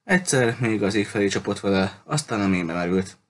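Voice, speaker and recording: A man reading a novel aloud in a steady, measured way. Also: fairly low pitch. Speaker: audiobook reader.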